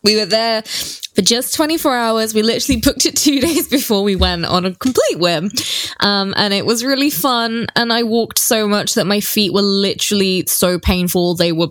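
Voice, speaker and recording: A woman's voice: mid-range voice, a bit bright, no echo, clean studio sound. A woman co-hosting a podcast, chatting in an easygoing, cheerful way. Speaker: podcast co-host. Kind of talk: casual chat.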